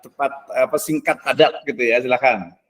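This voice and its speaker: A male host runs the conversation casually, pausing often and hesitating between phrases. His voice is mid-pitched and unremarkable. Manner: relaxed, hesitant, with many fillers. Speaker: host, moderator. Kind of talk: casual talk-show moderating.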